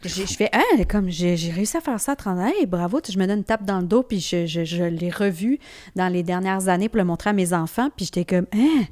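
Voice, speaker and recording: A woman's voice: fairly low pitch, expressive, fairly quick. Québécois woman reminiscing casually. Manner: warm reflective, many fillers. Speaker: host, filmmaker. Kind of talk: casual conversation.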